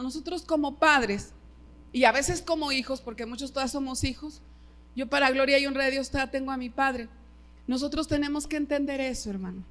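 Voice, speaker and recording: Female preacher, middle-aged, Mexican Spanish accent, high voice, emphatic sermon delivery. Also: a bit bright. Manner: emphatic, keeps addressing listeners as brother. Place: church.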